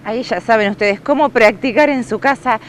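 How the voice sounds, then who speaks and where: Mujer, presentadora de tele, acento argentino, tono cortés, leve ruido de tráfico. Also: female voice, a little high, a little fast, a little hiss or hum. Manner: polite, formal questioning. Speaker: interviewer host. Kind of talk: TV magazine interview.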